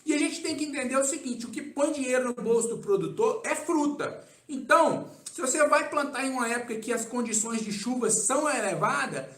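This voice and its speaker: A man with a very high voice and a Brazilian Portuguese accent talks casually through a live Q&A. He keeps checking in with his listeners, dropping "tá?" at the ends of his sentences. The sound is roomy and echoey. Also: a little fast. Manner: casual, relaxed, keeps adding "tá?" as a tag. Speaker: agronomy consultant answering viewer questions. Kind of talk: live-stream Q&A. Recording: echoey room.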